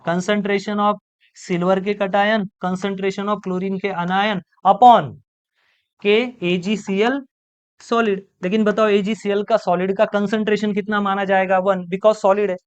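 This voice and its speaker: A man teaching a chemistry lecture in a playful way, firing quick questions at the class and answering them himself. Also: sits high, smooth, dull audio.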